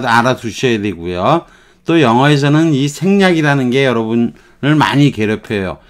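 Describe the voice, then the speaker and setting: A man giving an English lesson, explaining phrases patiently and repeating them over and over. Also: medium pitch. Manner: unhurried, repeats phrases, drifts between Korean and English. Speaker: English teacher.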